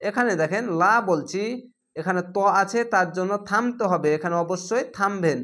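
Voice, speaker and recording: Man patiently spelling out recitation slowly. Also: high-pitched, a bit bright. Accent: Bangladeshi Bengali. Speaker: Quran recitation teacher. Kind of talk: spelling and reading lesson.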